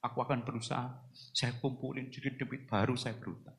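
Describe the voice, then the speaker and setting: A man preaching a sermon, telling his own story, swinging between loud exhortation and hushed, emotional confession. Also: medium pitch, level tone, fairly quick, gravelly. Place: large church hall. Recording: long hall reverb.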